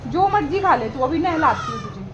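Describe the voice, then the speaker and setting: A woman's voice: high voice, sing-song, brisk, dull audio. A woman, coaxing a pet in a repetitive sing-song voice at home. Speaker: mother and pet owner. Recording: background noise.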